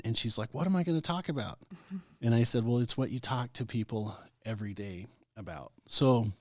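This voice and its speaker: Low-voiced American man hosting health radio. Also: a little mellow, no echo, clean studio sound. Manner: folksy, informal, addresses listeners directly. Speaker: radio show host and clinic doctor. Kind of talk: conversational health talk radio.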